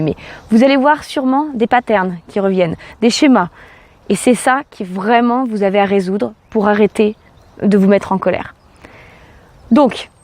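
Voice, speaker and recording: A young adult woman life coach giving calm, earnest advice straight to camera, asking the viewer rhetorical questions. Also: a little high, no echo. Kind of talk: direct-to-camera advice vlog.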